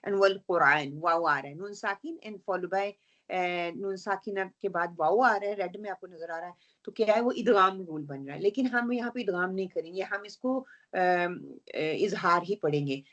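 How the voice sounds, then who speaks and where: List: woman, recitation teacher, patient explanations, slow recited examples, muffled lo-fi call audio. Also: lowish voice, fairly bright tone. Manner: explanatory, checks in with "theek hai?", recites verses slowly. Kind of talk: online tajweed lesson, mixing Urdu and English.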